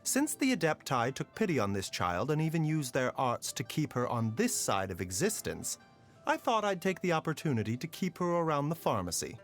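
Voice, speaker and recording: These scripted game voice lines belong to a gentle male pharmacist doctor who is calm and courteous. He speaks softly and with measured care, his fairly high voice rising and falling with lively, politely wry turns over faint game music.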